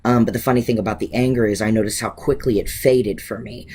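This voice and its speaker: A man in his thirties answering viewer questions in a casual, candid vlog, relaxed with frequent ums and expressive inflections. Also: lowish voice, fast talker, slight background noise. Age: 30s.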